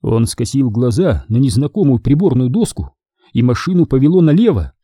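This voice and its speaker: A man narrating an audiobook with expressive storytelling. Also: mid-range voice, moderate pace, slightly rough, no echo, clean studio sound.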